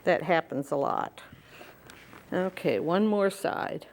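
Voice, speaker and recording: An older woman with a fairly low voice hosts a quilting show, speaking slowly and explaining each step in a friendly way as she works with her hands. It's a hands-on sewing demonstration, with a little hiss or hum in the audio.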